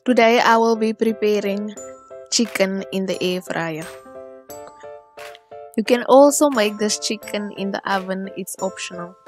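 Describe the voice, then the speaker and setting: A woman with a South African accent presents a how-to cooking video in a medium-pitched voice. She words each instruction politely, in the manner of a vlogger's tutorial. Faint music plays behind her. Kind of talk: scripted how-to tutorial narration.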